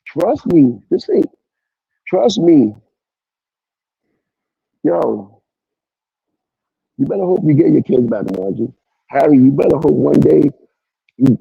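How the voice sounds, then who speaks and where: A man's voice: medium pitch, gravelly, slightly rough, dry recording, highs cut off. A man hosting a livestream, ranting at people in a profane, confrontational, repetitive way. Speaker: live stream host. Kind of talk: heated livestream rant. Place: at work.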